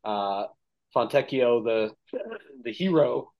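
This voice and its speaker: A podcast host with a medium-pitched, gravelly voice takes things slowly, and the highs are cut off in the recording. He gives a relaxed, filler-heavy recap of game stats for his casual sports show, full of ums, his voice a bit worn as he slightly loses it.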